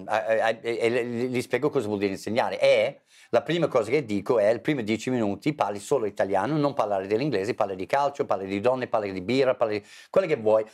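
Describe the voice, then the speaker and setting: An English teacher being interviewed, a man speaking Italian with a clear English accent. He tells stories with energy and slips into little acted voices when he quotes people. His voice sits at an ordinary middle pitch. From England. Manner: animated storyteller, mimics voices in quotes. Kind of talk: interview conversation.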